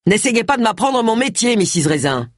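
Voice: medium pitch, very animated, a little fast, no echo, studio quality, pitched above the performer's own voice. A narrator doing a barking grumpy police inspector. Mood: gruff, irritated. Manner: barking, curt. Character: grumpy tall police inspector, man, middle-aged.

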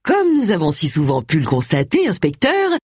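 Brief: sarcastic middle-aged woman sleuth, read by the narrator, husky, pitch rising and falling widely. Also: huge pitch swings, moderate pace, a little mellow, dry recording, clean studio sound. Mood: dry, sardonic. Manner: sarcastic, cool.

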